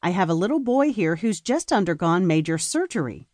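A woman's voice: on the low side, very animated, brisk, darkish tone, no echo, studio quality. A woman voicing a young female doctor, composed and stubborn, with a lilting, polite but unyielding way of speaking. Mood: resolute.

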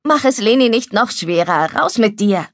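Woman doing a calm reasonable older girl, a bit higher, dry recording, storybook. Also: normal speed, no room sound, natural voice. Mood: amused. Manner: gentle, reasoning. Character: sensible older girl, gently amused.

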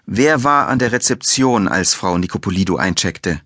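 A man's voice: deep voice, lively intonation, moderate pace, fairly bright tone, dry recording, studio quality, full character voice. A man voicing a composed, friendly female detective in an audiobook. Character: female detective, calm and polite.

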